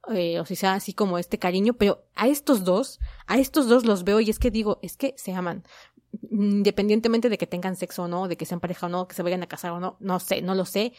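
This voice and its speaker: A woman talks through a casual fan commentary. She gushes, gets excited and slips into acted-out quotes. Her voice sits at an ordinary middle pitch. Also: dry recording, clean studio sound. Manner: gushing, excited, acts out quotes. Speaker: K-pop fan vlogger.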